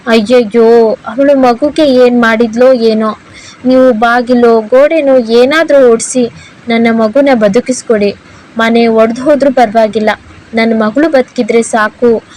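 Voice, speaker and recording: A woman's voice: fairly high pitch, moderate pace, darkish tone, close to an everyday voice, low-quality recording. A woman voicing a frantic pleading mother. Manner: pleading, wailing. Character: frantic young mother, desperate and fierce.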